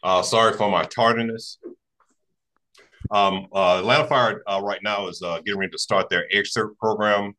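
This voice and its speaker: A man's voice: lowish voice, fairly even intonation, normal speed, pushed and bright. A man, a fire captain, giving a report on a meeting call with frequent fillers.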